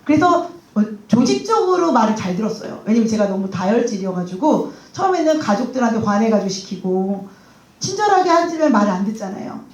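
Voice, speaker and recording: A woman's voice: fairly high pitch, sing-song, brisk, a little mellow, dull audio. A middle-aged woman giving a motivational stage talk, telling stories with laughs and acting out dialogue. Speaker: speaker at a company event. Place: large event hall. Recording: echoey hall sound.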